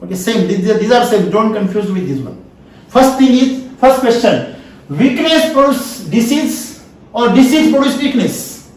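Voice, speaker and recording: A man's voice: very high voice, big pitch swings, a little slow, distant mic. A man with an Indian English accent lecturing at a farming seminar, repeatedly asking the audience "yes or no?" and repeating his points. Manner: repetitive questioning, asks "yes or no?". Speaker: founder giving a farming seminar. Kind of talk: lecture with audience call-and-response. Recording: echoey room recorded from afar.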